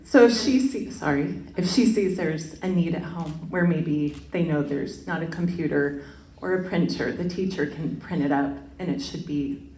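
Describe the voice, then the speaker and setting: A woman and mother co-presenting at a pitch event talks in a personal, conversational way. Her voice is slightly low and sounds distant, with echo from the room around her. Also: normal speed, a little mellow. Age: adult mother. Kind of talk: answering questions at a pitch event. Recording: echoey room, mic from far off.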